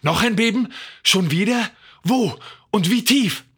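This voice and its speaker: A man voicing an alarmed woman scientist, a wife and mother, who talks high and urgent. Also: expressive, a little slow, slightly rough, full character voice.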